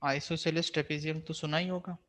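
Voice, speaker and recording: A man's voice: on the high side, level tone, fairly quick, fairly bright tone. A man with an Indian accent teaching a maths class online, mixing Hindi and English, firm but reassuring with his students.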